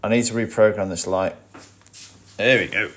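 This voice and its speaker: This livestream host has a head cold that leaves his fairly low voice nasal and a bit bright. At normal speed and in a steady tone, he chats informally, greets viewers as he checks his fish tank, and mutters to himself.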